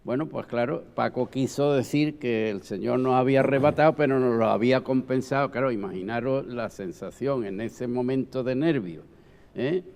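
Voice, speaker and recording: A man's voice: mid-range voice, moderate pace, vocal fry, darkish tone. An older man reminisces reflectively and emphatically in a round-table talk, often checking for agreement. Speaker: panel guest, former Holy Week proclamation speaker. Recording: long hall reverb.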